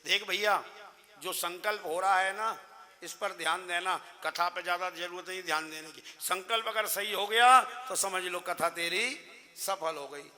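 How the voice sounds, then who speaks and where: A man telling a religious story, voicing a village priest who lectures firmly and quickly loses his temper. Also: high-pitched, pushed and bright, in a large hall. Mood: instructing. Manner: instructive, quick to anger.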